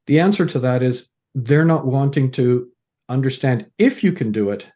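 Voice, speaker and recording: A middle-aged Canadian man, appearing as a podcast guest, talks casually in an interview, explaining ideas through stories and analogies and restarting his sentences often. His natural voice is medium-pitched, mellow and animated at a moderate pace.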